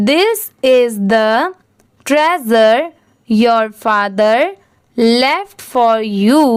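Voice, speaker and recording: A high, clear-voiced woman teaches a reading lesson. She spells each word letter by letter and sounds it out slowly, then explains in brisk bursts. The sound is dry and close. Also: no echo. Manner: asks and answers her own questions in brisk explaining bursts.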